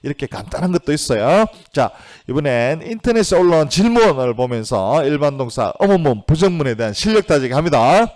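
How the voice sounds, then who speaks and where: Male lecturer, explanatory grammar-lesson delivery, lively pitch, checks in with the class, reads examples slowly. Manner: explanatory, asks "그죠?" for agreement. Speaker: English grammar teacher. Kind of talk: video lecture.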